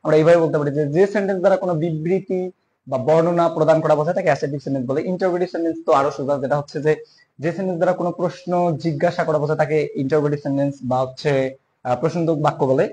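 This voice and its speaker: A man teaches grammar in an easygoing way, and his voice sits a little high. He spells terms out letter by letter and draws key words out slowly as he explains. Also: steady tone, mellow. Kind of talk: casual spoken grammar lesson.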